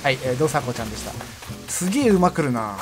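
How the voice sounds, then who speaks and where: A young male streamer chats casually while he plays, laughing often and bursting out loudly when something surprises him. His pitch swings widely from line to line. Game music plays clearly behind his voice. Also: big pitch swings, quick pace. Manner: chatty, laughs often, sudden loud outbursts. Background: background game music.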